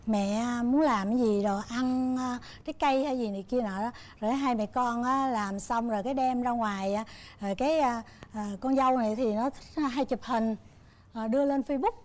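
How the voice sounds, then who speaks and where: A woman's voice: on the high side, fairly quick, darkish tone. An older woman, a mother-in-law guest on a talk show, chatting in a rambling way with many fillers. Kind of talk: casual talk show chat.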